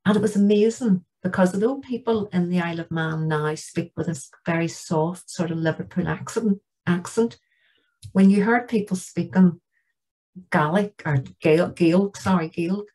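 Northern irish woman giving a church talk, lowish voice, earnest and a bit indignant. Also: moderate pace, rough recording. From Northern Ireland. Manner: earnest, plain-spoken, quietly indignant. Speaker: guest lecturer. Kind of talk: church lecture with slides.

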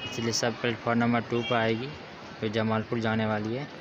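Walking over outdoor railway platforms and footbridges, a travel vlogger in his 20s explains his trip to viewers in a repetitive, casual way. He talks a little fast in a mid-range monotone. Captured on a phone at arm's length, the audio is muffled, with background noise and loud music behind the voice.

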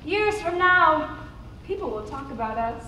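A woman's voice: sits high, sing-song, a little slow, very noisy. An actress playing a bold young woman who dreams of being a writer, declaiming and singing in a stage musical. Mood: rousing. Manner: theatrical, declaiming, breaks into song. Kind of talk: stage musical, spoken and sung. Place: theater stage. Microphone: far stage recording. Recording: echoey stage from far off, loud music.

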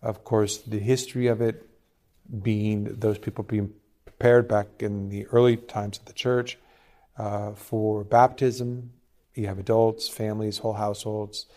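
A man's voice: on the low side, level tone, measured pace, mellow. A man who is a monsignor hosting a podcast, teasing his co-host dryly and explaining church practice reflectively. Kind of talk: casual conversational podcast.

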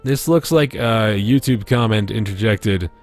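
A man's voice: fairly low pitch, measured pace, soft background music. A man hosting a gaming video with casual, joking commentary, often talking to himself. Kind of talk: casual let's play commentary.

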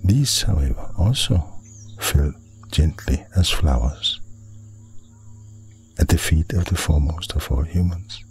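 A man, a Buddhist monk, reading a scripted story aloud in a dramatic, deliberate way. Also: a bass voice, expressive, a little mellow, husky, faint music behind.

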